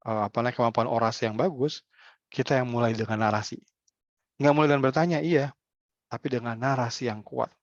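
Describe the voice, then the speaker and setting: A man giving a casual workshop talk on health communication, acting out example dialogues with sudden lively jumps in pitch. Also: no echo. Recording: dull muffled sound, dry.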